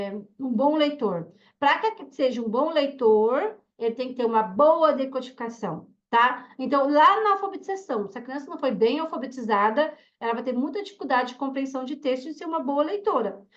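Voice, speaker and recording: A woman's voice: high voice, lo-fi sound. A woman teacher with a Brazilian Portuguese accent giving an online course lecture, explaining step by step and checking in with her students with short questions. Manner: explanatory, asks the class questions, frequent "tá?" and "né?".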